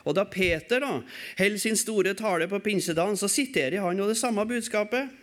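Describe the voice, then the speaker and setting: Guy preaching in church, kinda high voice, asks questions then answers em, gets loud then goes quiet. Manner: emphatic, asks rhetorical questions and answers them; swings between raised calls and quiet, low passages. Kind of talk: sermon. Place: church service.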